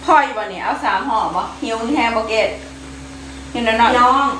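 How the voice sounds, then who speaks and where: A woman's voice: a little high, fairly quick. Chatty Isan woman vlogger. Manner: chatty, folksy, addresses viewers as family. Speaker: vlogger cooking and eating on camera. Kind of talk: casual chat to viewers. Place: at home, outdoor kitchen area. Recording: echoey home recording with loud background noise.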